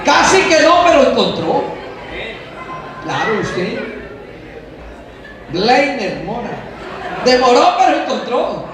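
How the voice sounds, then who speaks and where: A man preaching a lively sermon to a congregation in a church hall, playfully mimicking the excuses of young people. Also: very high voice, takes it slowly, pauses often, crowd noise. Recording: very echoey hall, voice from far off, faint noise.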